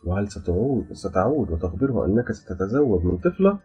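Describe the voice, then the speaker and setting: A man's voice: on the low side, big pitch swings, a little fast, slightly rough, full character voice. A man voicing a beautiful, playful and proud young female jinn who speaks with a teasing, smiling delivery. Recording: dull lo-fi with faint music.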